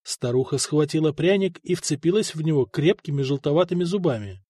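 A man reads an audiobook at an even, measured pace. His voice sits slightly high, and the recording is close and dry with no room sound. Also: breathy edge, no echo. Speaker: narrator. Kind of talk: audiobook narration.

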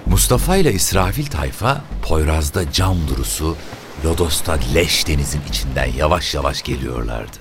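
A man narrating a short story aloud in a lively, expressive reading. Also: very deep voice, moderate pace, music in the background.

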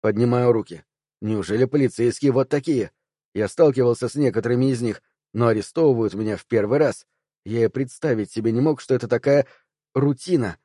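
Male narrator, tense first-person thriller read, warm low timbre, dry booth. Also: brisk, no echo. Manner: tense, voices several characters. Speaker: audiobook narrator.

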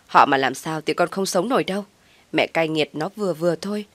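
A woman's voice: sits low, fairly quick, no echo. A woman voicing a young husband who reproaches his mother and pleads, in storybook narration. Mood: reproachful.

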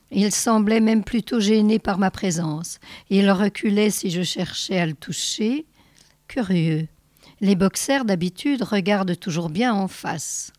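A woman reading a short story aloud in a measured narrating voice with careful pauses. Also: mid-range voice, a little mellow, no echo, clean studio sound. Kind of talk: read-aloud literary narration.

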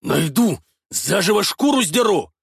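Guy doing shouty mustached zealot thugs, yelling and mocking, high and swingy, dry close sound. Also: big pitch swings, measured pace, vocal fry, husky, no echo, heavily acted. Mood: yelling threats. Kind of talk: audiobook character voice.

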